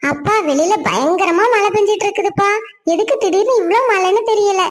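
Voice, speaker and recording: A woman's voice: very high voice, a little fast. A woman doing a sweet little cartoon girl. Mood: childlike. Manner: childlike, pleading to her father. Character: young daughter, sweet and outspoken.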